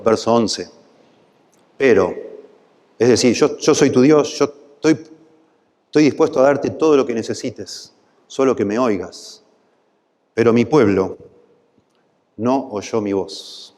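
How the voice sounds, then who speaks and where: A man's voice: on the low side, a little mellow, big-room sound. A man with a Rioplatense Spanish accent preaching a sermon, voice swelling into impassioned pleading at its peaks. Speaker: pastor.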